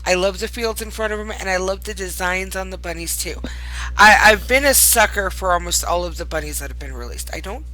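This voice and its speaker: A woman with a bright, forward voice at an ordinary pitch presents items from a virtual world. She talks casually as the host, gushing fondly over what she shows, though she is tired. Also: a little fast, soft background music, low-quality recording. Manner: gushing, fond of cute things. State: tired late at night. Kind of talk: casual showcase commentary.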